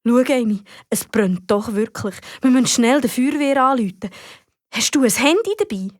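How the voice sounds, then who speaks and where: A woman's voice: on the high side, animated, normal speed, dry recording, clean studio sound, close to an everyday voice. A woman voicing a bold, decisive young schoolboy who talks urgently, with a Swiss German accent. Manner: urgent and pushy.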